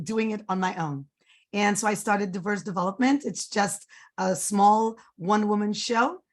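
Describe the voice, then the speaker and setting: Mid-pitched woman, conversational panellist. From Trinidad and Tobago and New York. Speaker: panellist, development consultant. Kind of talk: informal self-introduction on a panel.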